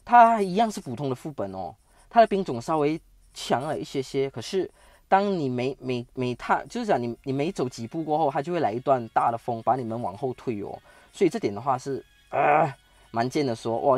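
A man giving chatty, excitable commentary over a strategy game he is playing, stumbling and restarting as he talks. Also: medium pitch, fairly quick, no room sound. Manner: chatty, excitable, with frequent sentence-final particles and stammered restarts. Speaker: game channel host. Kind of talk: casual gameplay commentary.

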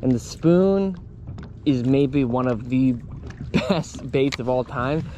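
A man on a boat explaining fishing lures in a relaxed, casual way, often saying "man", recorded on a body-worn action camera outdoors. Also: mid-range voice, slow pace. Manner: laid-back, says "man" often. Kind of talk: casual outdoor how-to talk. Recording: outdoor camera audio with steady noise.

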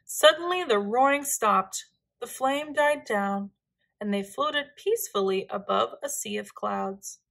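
A woman reads a children's picture book aloud at an unhurried, gentle pace. Her voice is bright and a little high for a woman. She narrates with an expressive, soft storytelling manner. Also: gravelly.

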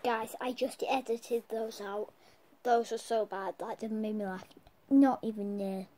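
A woman hosting a casual challenge video, chatting excitedly and talking straight to her viewers. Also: a little high, measured pace. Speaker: video host.

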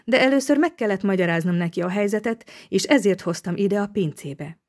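A woman's voice: medium pitch, lively intonation, darkish tone, natural voice. A woman reading an audiobook, voicing a proud young woman who is nervous and easily flustered. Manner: haughty then flustered.

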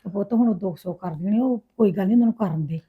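A woman's voice: medium pitch, very fast, breathy edge, close to an everyday voice. A middle-aged woman playing a worried widowed mother who soothes her grown daughters. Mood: soothing. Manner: soothing, fretful. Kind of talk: web drama acting. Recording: tinny phone-like sound.

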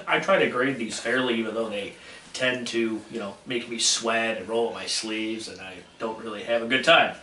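A man's voice: medium pitch, sharp tone. A man co-hosting a casual podcast, rambling through his ratings with many fillers and restarts, recorded at a table with friends. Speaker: podcast co-host rating wings. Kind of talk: casual chat. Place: small room at a table with others. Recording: roomy, distant, faint hiss.

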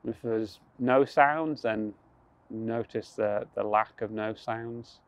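A young man leading a guided mindfulness practice outdoors on a rooftop, speaking calmly, slowly and gently, with soft restarts. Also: on the low side. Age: young adult. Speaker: mindfulness instructor.

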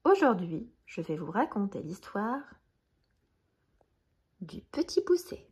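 A woman reading a bedtime story aloud in a gentle voice that often drops to a half-whisper. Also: medium pitch, big pitch swings, slow pace, breathy edge.

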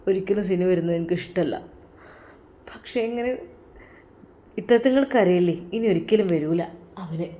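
A woman voicing a heartbroken young woman, an elder sister who talks softly and sorrowfully in a storytelling recording. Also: lowish voice, normal speed, pauses often, lightly acted. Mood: grieving. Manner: soft, sorrowful, subdued.

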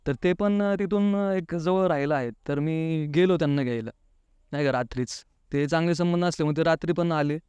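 His fairly high, darkish voice comes a little fast, with a clean tone, no room sound and dull audio. He's a chatty interview guest from Pune relating something from his own life, mimicking quoted speech and leaning constantly on "नाही का".

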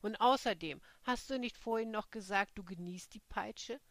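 A woman reading the part of a quick-tempered young woman who answers back sharply, in her own voice. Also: mid-range voice, a bit bright, dry recording, lightly acted. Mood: defiant.

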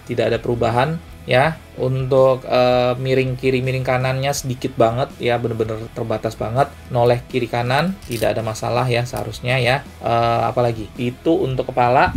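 A man in a relaxed toy-review video, talking with plenty of gravelly fry in his voice. He chats loosely to his viewers while handling the figure, and soft guitar music plays under him. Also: mid-range voice. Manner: chatty, keeps saying guys and ya. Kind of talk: casual product review.

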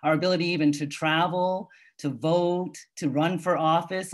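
A middle-aged woman from Canada introducing herself as an independent candidate over a video call, deliberate and concerned with frequent pauses. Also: sits low.

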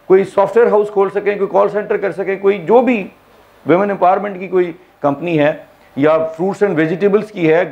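A man's voice: high voice, darkish tone, dull audio. Emphatic man giving a workshop. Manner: emphatic, rhetorical questions, mixes English phrases into his talk. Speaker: workshop trainer. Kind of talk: workshop lecture. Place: university seminar hall.

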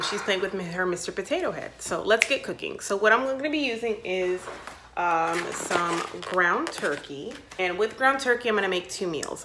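A woman in her thirties with a lowish voice hosts a casual cook-along vlog, talking informally and giving instructions in her home kitchen. The indoor setting spans the kitchen and living room, and background noise can be heard.

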